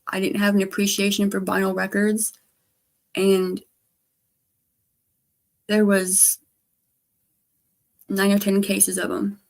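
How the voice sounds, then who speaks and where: A woman livestreamer chatting casually in a halting, rambling way, her speech slightly slurred by missing front teeth. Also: mid-range voice, completely flat delivery, vocal fry. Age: adult, grown past teens. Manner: halting, trailing off with repeated stammered starts.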